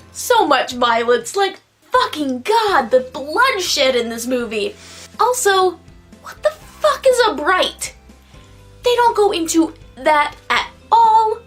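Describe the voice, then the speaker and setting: Woman, high voice, tipsy drunken rambling, profane casual vlog review, emphatic drawn-out words, music behind. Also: a bit bright. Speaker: vlogger reviewing a film.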